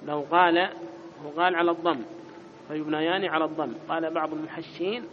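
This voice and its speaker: A man teaching an Arabic grammar lesson, quizzing his students, correcting them briskly and reading the text aloud in a louder, higher voice. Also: level tone. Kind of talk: classroom lesson with student questions. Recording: dull lo-fi recording with clear background noise.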